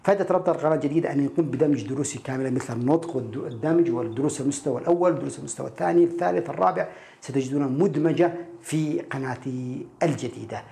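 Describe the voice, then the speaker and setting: A man teaching English pronunciation online, repeating phrases slowly and stressing each sound. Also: mid-range voice, gravelly, warm tone.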